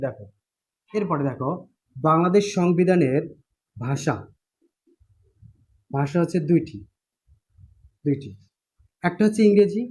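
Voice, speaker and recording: A male teacher runs an online exam-prep class. His voice sits slightly high for a man. He talks casually, repeats key points and keeps asking his students whether they follow. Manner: repetitive, checks in with students often.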